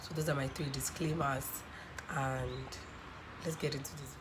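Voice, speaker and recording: Croaky with a cold, this woman from Nigeria is a skincare vlogger talking casually to camera about a product, often saying "um" and "okay." Her voice rumbles low, with a steady tone and measured pace. Traffic noise from passing cars comes through clearly, since she sits in a home room beside a sunny window near a road.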